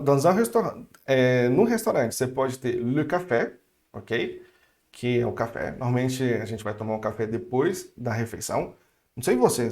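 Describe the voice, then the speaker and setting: A man's voice: mid-range voice, darkish tone. Chatty Brazilian man teaching French. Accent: Brazilian Portuguese. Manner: chatty, upbeat, with asides and restarts. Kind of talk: casual online language lesson.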